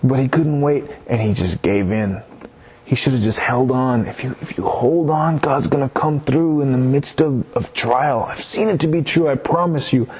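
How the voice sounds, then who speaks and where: A man's voice: mid-range voice, moderate pace, a little mellow, slightly rough. A man preaching a sermon, reading scripture and explaining it, earnest, often repeating himself as he urges his listeners on. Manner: earnest, repeats phrases, exhorts listeners directly. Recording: slightly dull lo-fi recording.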